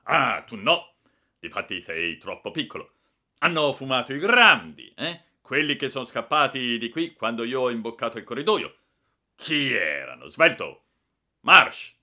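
A man's voice: medium pitch, sing-song, unhurried, voice pushed up, heavily acted. A man doing a thundering irate old school director. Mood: furious shouting. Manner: thundering, shouting orders. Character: irate older male school director, grey mustache.

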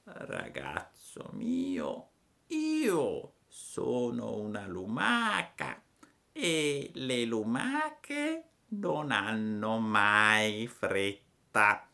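A man doing a slow, drawling snail. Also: lowish voice, creaky, full character voice. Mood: placid. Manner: drawling, unhurried, calm. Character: placid slow female snail servant. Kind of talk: storybook reading.

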